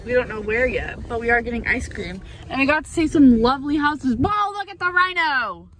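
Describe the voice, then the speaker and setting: A woman's voice: high-pitched, animated, fairly quick, a bit bright. A young woman chatting upbeat to her phone camera on a road trip, in a car and outdoors. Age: young adult. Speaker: vlogger. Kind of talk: casual travel vlog narration. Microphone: phone held at arm's length. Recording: noisy car and street background.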